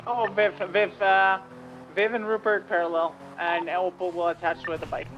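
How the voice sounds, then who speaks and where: A man playing a police officer, giving orders and callouts over a walkie talkie radio, halting, with many fillers and restarts. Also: sits high, flat delivery, faint music behind. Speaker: police officer leading a pursuit. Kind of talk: roleplay radio traffic. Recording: muffled lo-fi radio with hiss.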